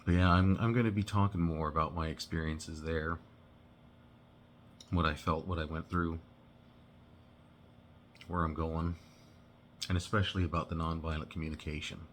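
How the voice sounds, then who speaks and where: A man with a notably low voice tells a personal story in a loose, casual way. He stops and restarts often and fills gaps with "you know". A faint hiss of noise sits under his voice. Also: fairly even intonation. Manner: rambling, halting, full of restarts and "you know".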